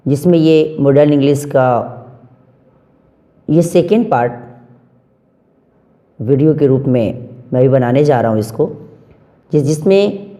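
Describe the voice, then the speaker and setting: A man's voice: on the high side, unhurried, long pauses, mellow. A man teaching a video lesson, listing words one at a time and asking and answering his own questions. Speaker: English teacher. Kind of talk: classroom-style video lesson.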